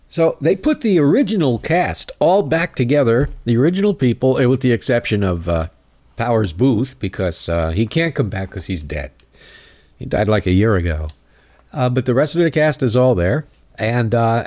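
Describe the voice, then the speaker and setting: A male comedy-show host rambles casually, swearing freely and chuckling with plenty of filler words. His voice is mid-pitched and moves in a lively way. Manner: profane, chuckling, lots of filler.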